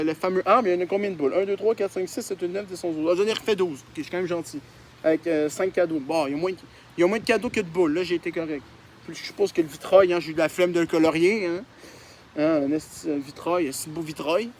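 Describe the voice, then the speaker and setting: In a casual vlog, a young Québécois YouTuber with a high-pitched, darkish voice riffs on drawings he made as a kid. He mocks himself and swears freely, with a faint hum in the background.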